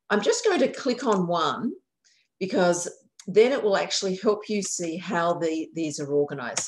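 A woman with a fairly low, slightly mellow voice, from a county aging services office, shares her screen to guide viewers through a website. Friendly and explanatory, she corrects herself as she goes. The audio comes through a computer mic on a video call and sounds rough.

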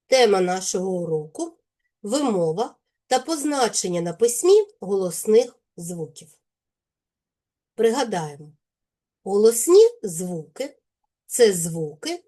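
Ukrainian-accented woman teacher, unhurried, precise over each word, warm-toned. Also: mid-range voice. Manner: slow, careful, deliberate enunciation of sounds and words. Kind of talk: scripted lesson for children.

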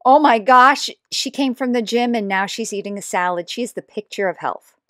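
A woman's voice: medium pitch, brisk, dry recording, studio quality. A woman hosting a reaction commentary video, talking casually and making sarcastic, mocking asides. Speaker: YouTube commentator.

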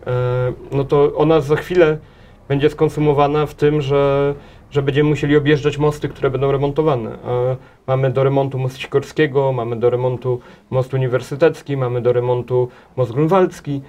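This interview guest, a thirty-something man leading a transport association, keeps restarting and repeating words as he answers in halting bursts. His voice is mellow, medium in pitch and level in tone, captured by a table mic in a small TV studio.

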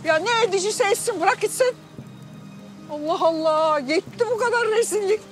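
An actress playing a middle-aged, scolding wife in a TV drama. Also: female voice, very high voice, moderate pace, faint music behind. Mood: exasperated. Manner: scolding, dialect speech. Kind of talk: TV drama acting.

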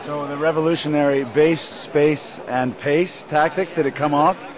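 A man hosting post-match interviews at an outdoor stadium, asking brisk, chatty questions. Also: a little high, steady tone. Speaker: host and interviewer. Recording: crowd noise behind.

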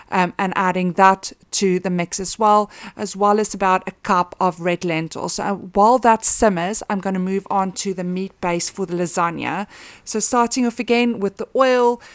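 A woman in her thirties talking through a home cooking routine in a relaxed, chatty way, with frequent ums. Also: medium pitch, dry recording. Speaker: cooking vlogger. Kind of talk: casual voice-over narration of cooking steps.

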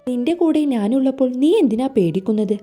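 A woman's voice: fairly high pitch, expressive, fast talker, dark tone. A woman voicing a stern, commanding young husband who gives curt orders in a storybook reading, over faint music.

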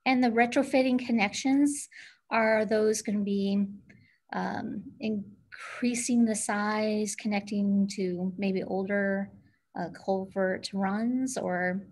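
A woman city council member asking measured, earnest questions in a meeting over a video call. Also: mid-range voice, fairly even intonation, a little mellow.

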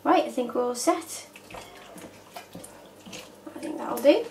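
A woman's voice: on the high side, slow pace, a little mellow. A woman in her thirties chatting casually as she cooks in her home kitchen. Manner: chatty, talks while working. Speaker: cooking vlogger. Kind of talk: casual cooking demonstration. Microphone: camera mic from across the room. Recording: echoey kitchen, distant mic, noisy. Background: clatter of pots and cutlery.

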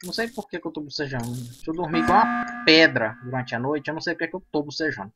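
A man hosting a gaming channel, chatting excitedly to himself and his viewers over gameplay. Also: a little high, quick pace. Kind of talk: casual gameplay commentary.

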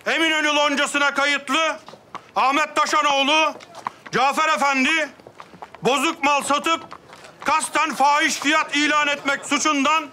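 An actor playing an Ottoman town crier, proclaiming a punishment to the public in drawn-out calls in a period drama. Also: very high-pitched, little pitch movement, sharp tone, a little hiss or hum, full character voice.

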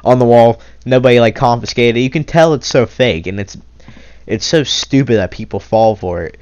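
A man's voice: medium pitch, normal speed, darkish tone, clear, resonant tone, no echo, dull audio. A young man in an angry commentary rant, indignant and exasperated, sighing often and swearing. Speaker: commentary creator. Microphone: console capture mic.

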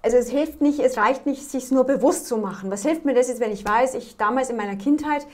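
A woman's voice: high-pitched, brisk, darkish tone. A woman hosting an interview, affirming her guest and asking follow-up questions. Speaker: host.

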